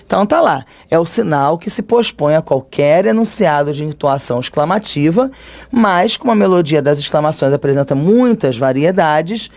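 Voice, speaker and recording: Grammar teacher, Brazilian Portuguese accent, mid-pitched and expressive, talks students through it casually. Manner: conversational, checks in often with tag questions. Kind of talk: recorded grammar lesson.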